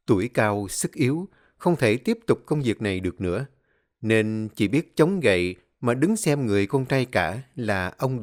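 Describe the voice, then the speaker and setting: A man narrating a ghost story for his channel, reading in a measured, solemn way with slow pauses. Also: on the low side. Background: faint music.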